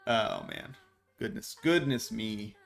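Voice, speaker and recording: A man's voice: on the low side, huge pitch swings, slow, creaky, faint music behind. An American man in his thirties, chatting casually and animatedly to a live stream audience with a self-mocking streak. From United States. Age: 30s. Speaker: VTuber streamer.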